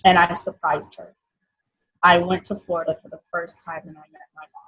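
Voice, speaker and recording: A young woman from Haiti, a guest telling her life story in an interview in an earnest, halting way. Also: lowish voice, flat delivery, rough recording.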